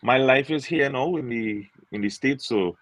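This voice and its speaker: A man's voice: medium pitch, normal speed, a bit bright, no echo, poor audio. A man from Trinidad, a singer chatting as a guest in an easygoing way with lots of fillers. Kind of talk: casual interview chat.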